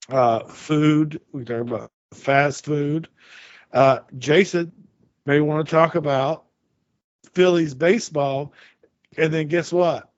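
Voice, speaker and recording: A man in his forties chats casually, his voice sitting a little high for a man. He rambles through anecdotes, stumbling over restarts and stammers. The recording sounds dry and dull, with no room at all. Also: no echo. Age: 40s. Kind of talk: casual chat.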